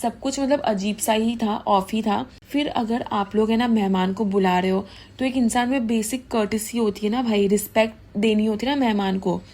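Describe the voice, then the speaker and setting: A woman's voice: fairly high pitch, fairly even intonation, moderate pace, a little mellow. A young woman giving casual, indignant gossip commentary, switching freely into English. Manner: chatty, mixes English into Hindi, indignant gossip. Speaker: commentary vlogger.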